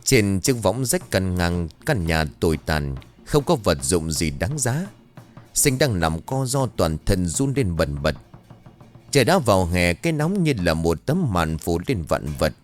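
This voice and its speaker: A man's voice: deep voice, sing-song, measured pace, soft background music. A man reading a horror story aloud in a dramatic, storytelling manner. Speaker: narrator. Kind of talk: scripted horror story narration.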